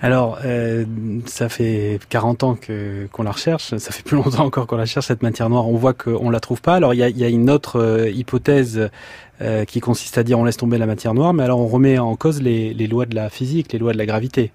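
A man hosting a radio science show, wry and brisk, reading credits and the sign-off. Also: medium pitch, fairly even intonation, warm tone, no room sound. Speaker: host. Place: radio studio.

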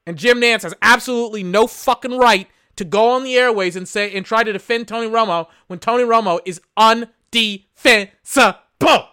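High, bright-voiced exasperated male podcaster. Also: moderate pace, few pauses, smooth, dry recording, studio quality. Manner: exasperated, swearing, rambling rants. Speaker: podcast host. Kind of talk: casual live-reaction commentary.

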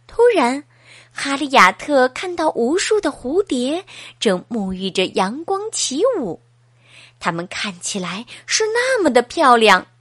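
A woman reading a bedtime story aloud to a child in a slow, sing-song, animated way. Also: sits high, husky, dry recording, studio quality.

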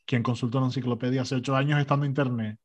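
A man telling a story in a casual chat, ironic and animated, acting out the other voices. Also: medium pitch, racing, noisy background.

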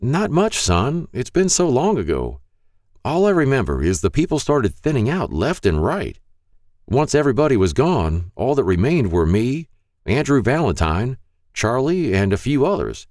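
A man voicing a frail, kindly old male shopkeeper who turns out to be a ghost, talking in a gentle, folksy way. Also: medium pitch, sing-song, moderate pace, no echo, clean studio sound, pitched above the performer's own voice, close to an everyday voice.

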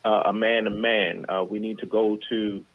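Low-voiced male caller over the phone. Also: steady tone, normal speed. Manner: earnest, restarts words while making points. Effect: heard over a phone line. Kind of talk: call-in commentary. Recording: tinny phone line.

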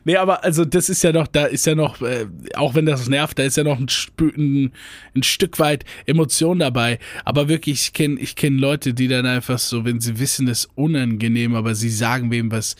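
A man's voice: medium pitch, steady tone, fairly quick, no echo. A man in casual podcast chat, ranting in an opinionated, mock-serious way. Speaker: podcast co-host.

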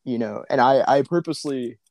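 A man's voice: mid-range voice, brisk, creaky, a little mellow, no room sound. A man tells a spooky tale in an easygoing, joking way, breaking into laughs. His voice sits mid-range and sounds close and dry, with no room around it. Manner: laughs often, wry and joking. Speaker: podcast host. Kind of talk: casual chat, storytelling.

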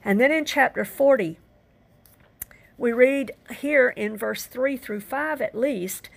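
Gravelly older woman teaching scripture. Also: sits high, slow. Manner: earnest, emphatic rhetorical questions. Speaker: preacher. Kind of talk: Bible teaching sermon.

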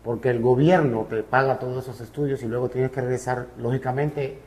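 Relaxed Cuban man telling his story. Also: mid-range voice, brisk. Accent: Cuban Spanish. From Cuba. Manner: relaxed storyteller, many fillers. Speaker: musician guest.

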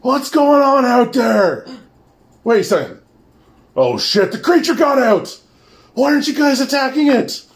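A man voicing a gruff, irritated guard boss in a tabletop game. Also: mid-range voice, lively intonation, unhurried, darkish tone. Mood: alarmed, angry.

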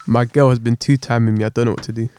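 A man's voice: medium pitch, steady tone, fast, dark tone, smooth, no echo. A young man with a London roadman accent, chatting casually in street slang on a podcast. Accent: London, urban roadman slang. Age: young adult. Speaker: podcast co-host.

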